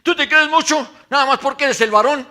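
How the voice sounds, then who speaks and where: A woman's voice: high voice, fairly quick, bright, forceful tone, voice pushed up. A male preacher voicing his indignant wife as she scolds her husband. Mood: scolding. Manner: mocking, scolding.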